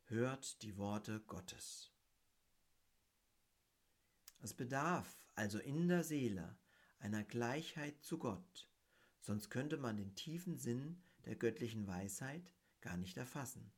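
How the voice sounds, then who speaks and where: A man giving a reflective spiritual talk on mysticism, speaking in a measured, deliberate way and reading quotations aloud. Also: medium pitch, lively intonation, slightly rough. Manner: measured and deliberate, stressing key words.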